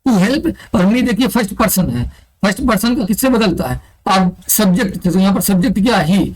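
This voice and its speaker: A man's voice: high voice, animated, rough recording. Male teacher quizzing and answering himself. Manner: asks the class questions and answers them himself, repeating key terms; explains grammar slowly, step by step. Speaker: English teacher. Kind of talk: online exam-prep lesson.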